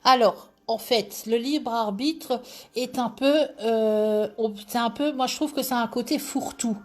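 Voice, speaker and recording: A woman's voice: a little high, unhurried. A woman with an Alsatian accent hosting a live stream as a clairvoyant, talking casually and breaking off to greet viewers by name. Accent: Alsatian French. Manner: chatty, digressive, greets viewers by name mid-sentence. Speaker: clairvoyant livestream host.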